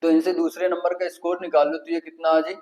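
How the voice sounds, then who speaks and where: A man's voice: fairly high pitch, level tone, quick pace, a little mellow, rough recording. A man with a Kanpuri Hindi accent teaching an exam-prep math lesson, asking the class questions and answering them himself step by step.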